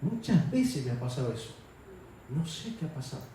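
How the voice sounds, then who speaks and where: A man's voice: mid-range voice, big pitch swings, moderate pace, dark tone, slight background noise. A man preaching a sermon in a conversational way, raising his voice to act out quotes. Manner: conversational, acts out quotes in a raised voice. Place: church hall. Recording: echoey hall, mic far off.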